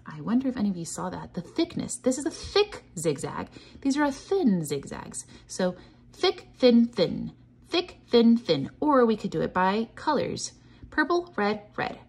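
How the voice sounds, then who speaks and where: A teacher leads children through a picture-book read-along indoors at a table, chanting patterns aloud, posing questions, and offering encouragement. She has a medium-pitched, slightly rough voice.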